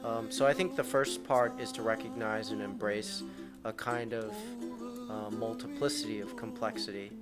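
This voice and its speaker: A man giving a thoughtful, measured interview answer with some hesitations. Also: on the low side. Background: guitar music.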